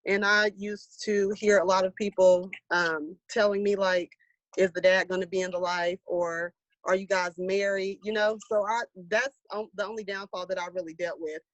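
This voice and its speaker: A woman in her thirties in a casual group discussion, relaxed and quick to joke about herself. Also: mid-range voice, no echo, lo-fi sound. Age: 30s. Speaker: guest. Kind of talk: casual chat.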